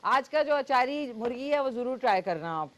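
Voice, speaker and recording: A woman's voice: high voice, expressive, normal speed, fairly bright tone. A woman with a Pakistani Urdu accent hosting a live cooking show, chatting as she cooks and takes callers. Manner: chatty, talks while cooking, frequent fillers.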